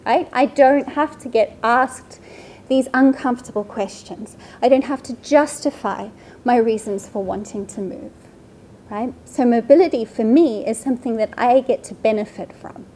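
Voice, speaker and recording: A Swedish seminar speaker, a woman of about thirty-something, walks a lecture room through slides in a chatty style, frequently tagging her points with "right?" to check in. She talks at a normal speed in a slightly high, mellow voice.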